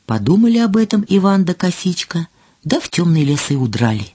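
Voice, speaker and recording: A woman reading a children's fairy tale in a slow, expressive storytelling manner. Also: lowish voice, breathy edge.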